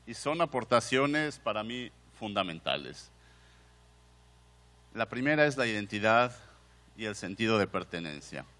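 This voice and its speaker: Bright-voiced Mexican man lecturing in a hall. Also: on the low side, very animated, a little slow, long pauses. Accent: Mexican Spanish. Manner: conversational, asks the audience questions, frequent restarts. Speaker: museum director giving a conference talk. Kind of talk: conference lecture. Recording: long hall reverb.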